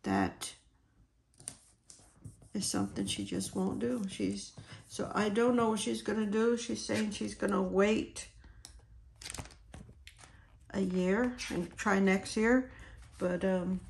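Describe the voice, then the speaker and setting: Hoarse woman, slow, quiet near-whisper, gravelly, casual planner chat. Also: medium pitch, expressive, a little hiss or hum. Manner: quiet, near-whispered, talks while sorting stickers. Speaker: planner vlogger. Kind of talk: soft-spoken planner decorating chat.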